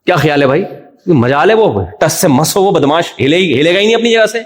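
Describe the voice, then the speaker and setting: A man delivers a religious lecture with a somewhat high voice. His manner is jovial and teasing, slipping into mock voices for his examples. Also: expressive. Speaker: Islamic preacher. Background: audience laughter.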